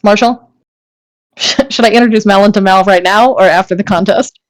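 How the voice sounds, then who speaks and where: A woman's voice: medium pitch, normal speed, no room sound. Woman player, friendly and encouraging, dry sound. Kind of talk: playing a tabletop game in character.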